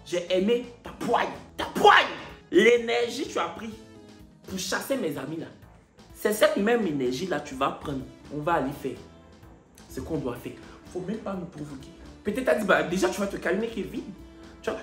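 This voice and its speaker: A man's voice: high voice, brisk, reverberant, soft background music. A man with an Ivorian French accent, a comedian telling a story and acting out each part of the dialogue. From Côte d'Ivoire. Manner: animated, acts out every part of the dialogue. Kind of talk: comic storytelling.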